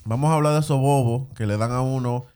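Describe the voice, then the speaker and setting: A man's voice: mid-range voice, fast talker, darkish tone, smooth. A man with a Dominican accent hosting a casual, slangy group chat in a playful, teasing way. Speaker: podcast host.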